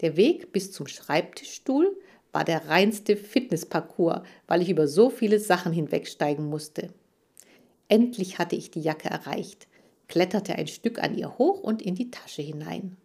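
A woman narrating a children's story for an audiobook. Her reading is lively and expressive. Her voice sits slightly low for a woman. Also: a little slow, husky.

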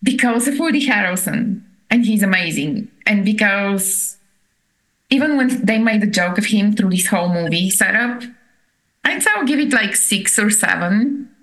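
A middle-aged woman speaking in a thick Bulgarian accent at a medium pitch. She is a podcast guest, talking in a casual, conversational way. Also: lively intonation, moderate pace, fairly bright tone, rough recording. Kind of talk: casual chat.

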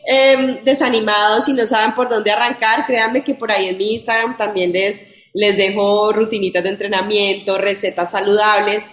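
A woman's voice: medium pitch, reverberant. A woman, a guest on a podcast, talking in an upbeat, encouraging way. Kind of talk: casual chat.

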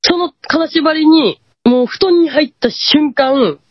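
In dull, dry, lo-fi audio, a woman speaking Kansai Japanese tells a true ghost story as a guest, animatedly acting out what the characters said. Her voice sits high and her pace is slow.

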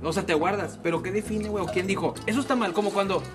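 A man's voice: high voice, fast. A man with a Mexican accent co-hosting a casual podcast among friends, talking in a slangy, irreverent, joking way. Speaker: podcast co-host. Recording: music behind the voice. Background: music.

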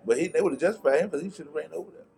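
Fast-talking man telling stories. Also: fairly high pitch, gravelly, slightly rough. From Charlotte, North Carolina. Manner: animated storytelling, swearing, slangy. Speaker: guest, rapper. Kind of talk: casual conversation.

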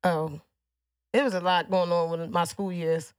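A woman's voice: on the low side, steady tone, moderate pace, smooth, no echo, studio quality. A woman in her twenties from Philadelphia, a rapper guest talking in blunt, laid-back slang. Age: 20s. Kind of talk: casual chat.

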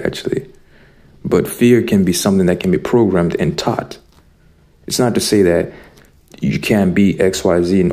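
A man's voice: low-pitched, mellow. A man from Zimbabwe giving an earnest, preachy spiritual monologue straight to his listeners. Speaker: spiritual vlogger.

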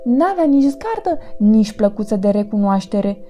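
A woman voicing a clumsy, good-natured young male puppy who stammers when excited, read from a storybook. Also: medium pitch, soft background music, natural voice. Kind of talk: storybook reading.

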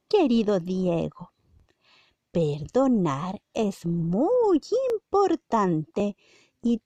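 An older woman telling a Bible story to children, gently and tenderly, then praying with them. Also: mid-range voice, no room sound.

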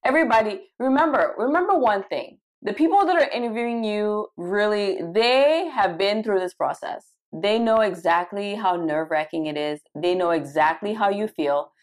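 A young adult woman from Cameroon coaching doctors for residency interviews in a live Q&A, animated and emphatic, repeating points for stress. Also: medium pitch, moderate pace, hardly any pauses. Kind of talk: live Q&A session.

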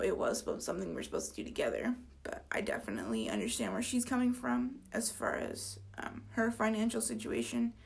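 A young woman in her twenties talks through a casual solo podcast, sounding tired and a little yawny. Her voice sits slightly high with a gravelly, fry-edged texture. She rambles with plenty of fillers and lets her sentences fade off softly. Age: 20s. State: tired, yawning. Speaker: podcast host.

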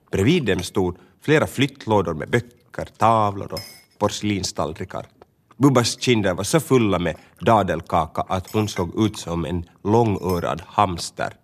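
A low-pitched male voice reads a children's story. His intonation rises and falls vividly, and every sentence is shaped for young listeners. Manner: lively, expressive reading. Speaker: narrator.

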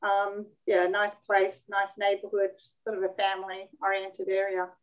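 An Australian woman in her fifties, an occupational therapist, talking in a measured way with frequent ums as an interview guest on a video call. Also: mid-range voice, completely flat delivery, poor audio. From Sydney, Australia. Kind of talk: interview conversation.

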